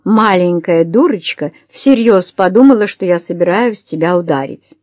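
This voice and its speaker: A woman's voice: lively intonation, darkish tone, dry recording, studio quality, lightly acted. A woman voicing a drunk, spiteful society woman who jeers shrilly and drawls her insults. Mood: mocking laughter. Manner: shrill, jeering, slow and scornful.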